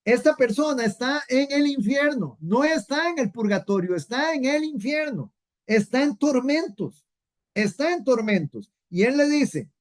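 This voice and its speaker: A woman's voice: high-pitched, animated, measured pace. Earnest woman teaching a Bible class. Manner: earnest, repeats key points, asks rhetorical questions.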